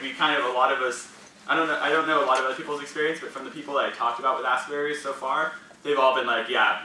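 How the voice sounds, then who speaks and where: A man's voice: medium pitch, bright, forceful tone. A young man telling personal stories in a casual, rambling way, full of "like" fillers and laughs. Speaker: speaker sharing personal experience. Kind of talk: casual storytelling talk. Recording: echoey room, mic at a distance.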